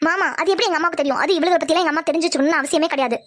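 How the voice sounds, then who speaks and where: A woman's voice: extremely high pitch, very fast, a bit bright. A woman voicing a spoiled, jealous young woman who talks in a whiny, sarcastic way in a cartoon dub.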